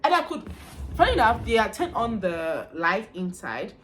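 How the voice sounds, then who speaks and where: A woman's voice: medium pitch, moderate pace, slight background noise. A young woman vlogger telling a story about her own life, acting out the voices of the people in it. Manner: animated, acts out quoted lines. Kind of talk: storytime vlog.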